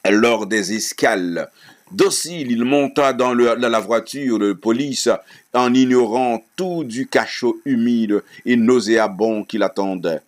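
A man's voice: fairly low pitch, a little mellow. A man reading a novel aloud, stumbling and restarting words now and then. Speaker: reader.

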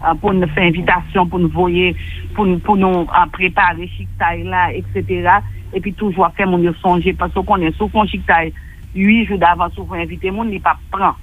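High-voiced Haitian man on a phone line. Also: little pitch movement. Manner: halting, repeats words and restarts often. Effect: heard over a telephone line. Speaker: guest reporting by phone. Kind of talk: phone-in conversation on a radio talk show. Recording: narrow tinny phone line.

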